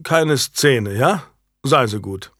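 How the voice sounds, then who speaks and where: A man playing a gruff medieval lord. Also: animated, slow pace, fairly bright tone, dry recording, studio quality. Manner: curt and gruff, low and muttering. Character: guarded medieval lord, gruff husband, curt. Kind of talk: audiobook character reading.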